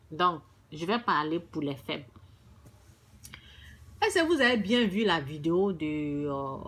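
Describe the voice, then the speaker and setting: A woman's voice: mid-range voice, a bit bright. A woman giving an emphatic, repetitive religious testimony to her viewers. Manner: emphatic and repetitive, often restarting phrases.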